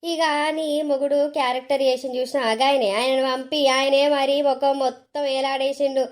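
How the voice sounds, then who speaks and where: A woman's voice: high voice, little pitch movement, a little fast, natural voice. A woman voicing a spoiled, cheeky young village bride in a cartoon, with a Telangana Telugu accent. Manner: cheeky, boastful.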